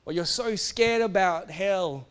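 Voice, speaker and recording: A young man from Singapore delivers a sermon in a high, light voice. He talks with emphatic energy, often stumbling and repeating words before pushing on. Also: slow pace, clear, resonant tone. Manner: animated, emphatic, with stumbles and restarts. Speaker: preacher.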